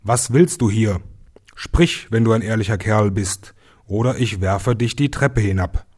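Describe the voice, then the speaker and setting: A guileless, fearless farm boy from a fairy tale , put on by a male storyteller. He speaks up earnestly and plainly, a touch louder than the narration. The voice has a husky edge. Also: lowish voice, measured pace. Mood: challenging. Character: naive fearless peasant boy, youngest son.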